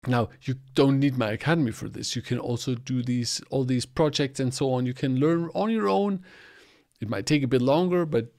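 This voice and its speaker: A man in his forties gives a solo podcast monologue in an explanatory way. His voice sits at an ordinary middle pitch. He is recorded close on a podcast mic in a small home studio. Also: a little mellow. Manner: explanatory, talks with his hands. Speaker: podcast host. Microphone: podcast mic on boom arm, close.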